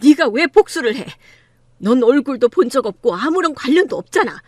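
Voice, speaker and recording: A woman's voice: sits high, sing-song, fairly quick, a little mellow, no echo, studio quality. A woman voicing a hurt, indignant mother in her fifties in an audiobook drama reading, talking with a pleading, reproachful edge. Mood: upset. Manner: pleading, then fiercely indignant.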